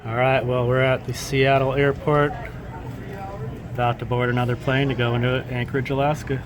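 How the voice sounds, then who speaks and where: A man's voice: medium pitch, little pitch movement, normal speed, music in the background. A man talking casually to camera as a travel vlogger, giving updates on his trip. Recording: faint background noise on location.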